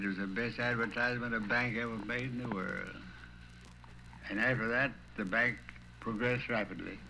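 An older man from Tennessee, a retired small-town banker, shares memories of his life in a folksy Southern accent, acting out conversations he remembers. His voice is fairly low but pushed and bright. This oral history recording is poor, with some hiss or hum.

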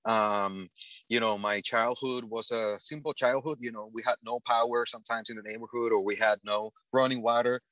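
A middle-aged man from the Dominican Republic, a panel guest speaking earnestly and haltingly in casual conversation. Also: medium pitch, fairly even intonation, a bit bright, dry recording. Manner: earnest, halting, with frequent restarts.

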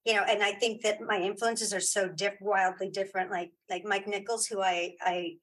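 A filmmaker and writer chats casually as an interview guest, her mid-range voice steady and fairly bright at a normal speed. She often repeats words and restarts her sentences as she goes.

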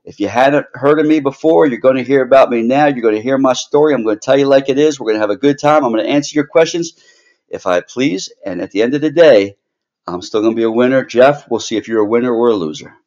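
A man playing a boastful wrestling manager, bragging in a shrill, gloating, haughty way as if cutting a promo. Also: quick pace, a little mellow, muffled recording, natural voice.

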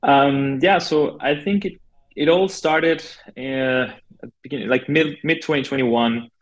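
In a rough recording, a medium-pitched man from Buenos Aires talks through his career path as a guest on a podcast. The conversation is loose and informal, and he hesitates often, leaning on "like" and "you know."

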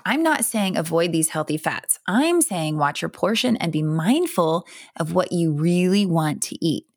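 A woman's voice: on the low side, dry recording, studio quality. A woman coach giving scripted advice straight to the listener in an upbeat, tidy, emphatic way. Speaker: health and fat loss coach, host.

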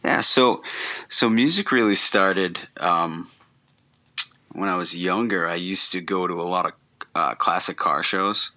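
A man guesting on a podcast, talking in a relaxed, rambling way with many ums and restarts. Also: low-pitched, a little slow. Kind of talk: casual interview chat.

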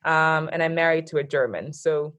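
A woman's voice: low voice, normal speed, fairly bright tone. A woman with an American accent, a guest talking thoughtfully in a casual conversation, with frequent fillers. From born in Japan, Nigerian, raised in the US.

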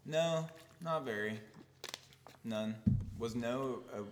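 A man's voice: medium pitch, takes it slowly, noisy background. A young man co-hosting a casual chat, rambling and self-deprecating, swearing freely. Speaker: podcast co-host.

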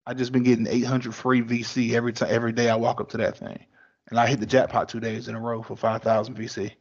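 A man's voice: medium pitch, monotone, fast, a little mellow, breathy edge, muffled recording. A man co-hosting a casual podcast, talking bluntly and swearing freely in laid-back banter. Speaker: podcast co-host. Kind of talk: casual chat.

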